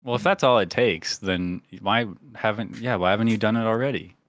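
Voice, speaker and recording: A man's voice: lowish voice, fairly quick, no echo, studio quality. A man co-hosting a podcast, chatting casually in slangy, teasing talk. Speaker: podcast co-host. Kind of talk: casual banter chat.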